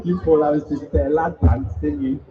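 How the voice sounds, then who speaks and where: A high-voiced man cracks jokes and teases children in the crowd as he shows off spiders at a live indoor bug show. He is picked up from some distance by a muffled mic, with a faint hum of room noise underneath. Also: expressive, normal speed. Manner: jokey, teasing banter with the crowd. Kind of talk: live show talk to a family audience. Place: indoor event hall.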